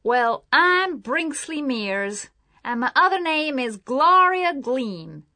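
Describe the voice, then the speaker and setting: Woman playing an angry shouting sheriff. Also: medium pitch, lively intonation, takes it slowly. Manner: shouting, sneering. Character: angry sneering male small-town sheriff.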